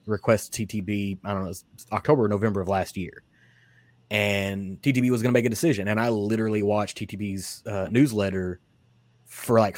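Rambling low-voiced man hosting a podcast. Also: no echo. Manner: rambling, many restarts and fillers. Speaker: podcast host. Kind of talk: casual interview chat.

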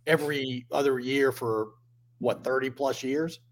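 A man's voice: medium pitch, steady tone, measured pace. Guy hosting a chat, friendly, gets enthusiastic. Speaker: host asking questions. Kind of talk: casual chat.

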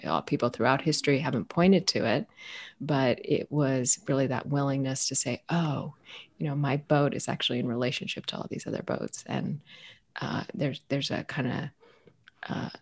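A woman author raised in the United States, speaking as a guest in an interview, reflective and searching for her words with many pauses and fillers. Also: a bass voice, husky.

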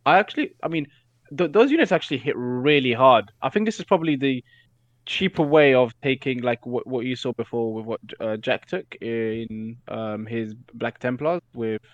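A man's voice: mid-range voice, expressive, moderate pace, dry recording, muffled recording. A man speaking as a guest on a casual gaming podcast, breaking down game strategy with frequent fillers and restarts. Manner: hesitant, many fillers and restarts, analytical.

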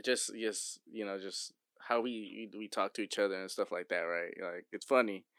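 Young american guy, casual slangy chat, bright clear voice, close and dry. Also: fairly low pitch, moderate pace, no echo. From Cleveland, Ohio, United States. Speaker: host recording the call.

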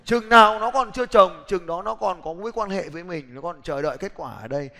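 A middle-aged man giving a lively, blunt motivational business seminar talk, challenging the audience directly. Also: sits high, fast talker. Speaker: seminar speaker. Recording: long hall reverb.

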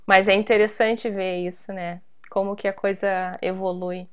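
A woman's voice: medium pitch, little pitch movement, normal speed, clear, resonant tone. A woman from Brazil, hosting a casual interview and explaining things in a chatty way. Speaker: host.

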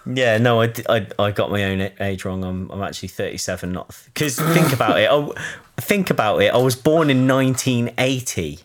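Man, thirties, mid pitch, playful rambling co-host banter. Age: 30s. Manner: jokey, rambling, quick bursts. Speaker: podcast co-host. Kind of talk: casual podcast chat.

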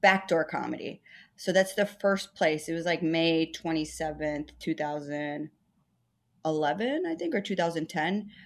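A woman's voice: deep voice, animated, a little slow. Chatty self-deprecating woman comedian. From Texas. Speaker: stand-up comedian. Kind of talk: casual storytelling interview.

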